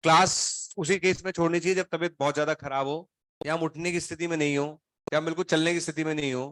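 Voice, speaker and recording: Sarcastic male teacher telling off a class, a bit high voice, dry room sound, feverish. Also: fairly even intonation, fast talker, a bit bright, no room sound. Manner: stern, sarcastic, questioning students one by one. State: feverish, throat unwell. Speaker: coaching teacher. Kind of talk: scolding a class in a lecture.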